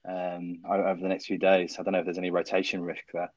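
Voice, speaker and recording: Deep-voiced male host, slightly muffled. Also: monotone, fast talker, no room sound. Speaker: football podcast host. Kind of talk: casual chat.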